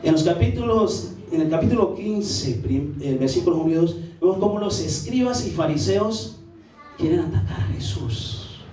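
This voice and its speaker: A man preaching a sermon as pastor, earnest and steady, pausing and restarting phrases as he goes. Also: a little high, far from the mic. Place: large church sanctuary. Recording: very echoey church recording from afar.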